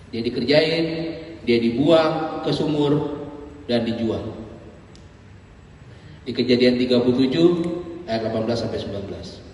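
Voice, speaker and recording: A man preaching a lively, casual youth sermon, joking and acting out voices. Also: medium pitch, slight background noise. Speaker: pastor. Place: church hall. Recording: echoey hall, distant mic.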